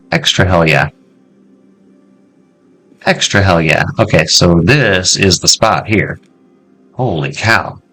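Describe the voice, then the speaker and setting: A low-pitched man narrating his own game run in a loose, chatty way, his voice bouncing up and down a lot as he gets excited. He mutters, exclaims and swears casually, with faint music playing underneath. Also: husky. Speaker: gameplay video host. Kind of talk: casual let's-play commentary.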